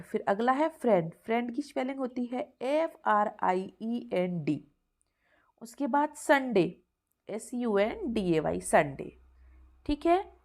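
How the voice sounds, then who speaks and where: A woman's voice: a little high, darkish tone. A woman teacher goes through exam questions for young children. She is patient, repeats each answer and calls the listener "beta".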